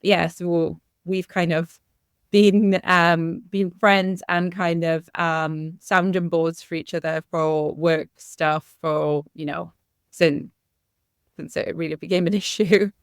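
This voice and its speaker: Northumberland accent woman, casual podcast guest chat, bit of vocal fry, clear voice, dry close sound. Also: lowish voice, fairly even intonation, slow, no room sound. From Northumberland, England. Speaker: podcast guest, marketing consultant. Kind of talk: casual conversational storytelling.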